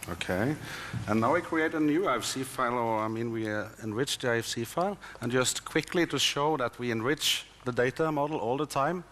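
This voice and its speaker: Bright-voiced man moderating a live event. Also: medium pitch, a little fast, few pauses. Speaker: presentation moderator. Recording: hall noise, audience sound behind.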